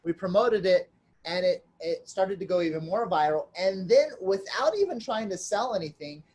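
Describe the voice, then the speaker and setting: A man's voice: high voice, lively intonation, normal speed, a little mellow. A man hosting a podcast, explaining events in casual conversation with small restarts. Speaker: podcast host.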